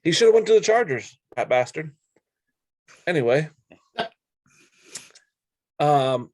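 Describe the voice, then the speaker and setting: This sports talk co-host has a fairly high yet darkish voice, recorded without echo. He's casual but outspoken and blunt as he works through a countdown list.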